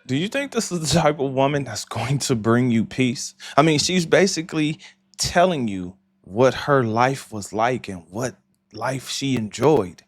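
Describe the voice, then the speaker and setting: A man's voice: medium pitch, animated, measured pace, dry recording. A man hosting a reaction channel, commenting with incredulous, scolding remarks and laughing asides.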